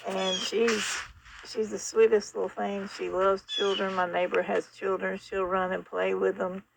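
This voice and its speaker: An older woman with a gravelly, hoarse voice and a sore throat, chatting casually in a rambling, folksy, blunt way. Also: medium pitch, level tone, unhurried. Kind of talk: casual update about a rescued stray kitten. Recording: faint noise, muffled at times by mask.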